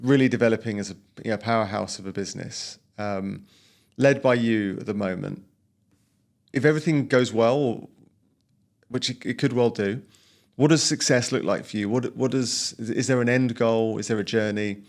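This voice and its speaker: A man's voice: mid-range voice, moderate pace. A man hosting an interview podcast, asking friendly, rambling questions with frequent restarts. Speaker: podcast host. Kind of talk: casual interview talk.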